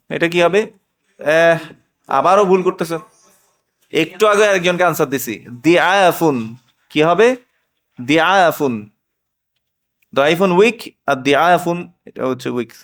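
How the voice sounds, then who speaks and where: A man's voice: fairly high pitch, expressive, slow pace, pauses often, fairly bright tone. A middle-aged man teaching a classroom language lesson, patiently drilling and questioning his students. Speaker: Arabic teacher.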